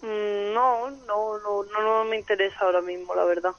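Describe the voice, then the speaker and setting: A woman's voice: medium pitch, steady tone, moderate pace. A young woman, a student, chatting bluntly and casually over the phone, swearing now and then. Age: young adult. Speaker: caller. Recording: muffled phone line.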